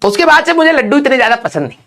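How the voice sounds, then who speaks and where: Lively male teacher telling a funny story. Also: very high-pitched, rapid-fire. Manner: animated storyteller who keeps asking "okay?".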